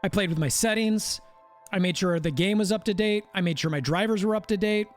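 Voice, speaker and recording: A man hosting a gaming channel, giving animated gameplay commentary and repeating himself for emphasis. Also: high-pitched, a little fast, soft background music.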